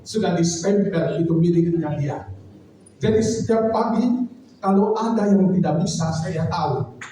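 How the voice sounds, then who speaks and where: A male pastor preaches, telling a personal story in an earnest, reflective way. His voice is deep, dark and mellow. It comes from some way off the mic and rings through a very echoey hall over faint ambience. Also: unhurried, far from the mic, slight background noise.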